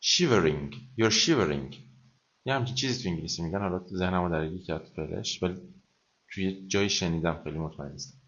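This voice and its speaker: A man teaching a live online vocabulary lesson, chatting in Persian and slowly repeating phrases for pronunciation practice. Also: low voice, fairly bright tone, lo-fi sound. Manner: slow, careful pronunciation drills, repeating each phrase; explains in conversational Persian, mixing French and English phrases. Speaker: French teacher.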